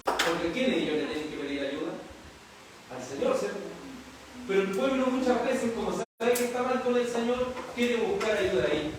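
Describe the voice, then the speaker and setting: Chilean male preacher, high voice, teaching tone, distant mic with heavy room echo. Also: animated, normal speed, noisy background. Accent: Chilean Spanish. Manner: explanatory, repeatedly checks understanding with rhetorical questions. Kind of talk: expository sermon. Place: church hall. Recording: echoey hall from far off.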